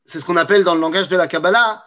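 A man's voice: sits high, rapid-fire, pushed and bright. A man giving a religious Torah lesson, asking rhetorical questions and answering them himself, with Hebrew terms woven into his speech. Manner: mixes Hebrew terms into French. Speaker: Torah teacher.

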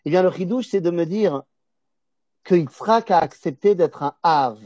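A man's voice: high voice, lively intonation, normal speed, dark tone, no room sound. A man with a Polish accent giving a religious lesson. He is emphatic, repeats key words and asks and answers his own questions. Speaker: Torah teacher. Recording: dull, dry lo-fi recording.

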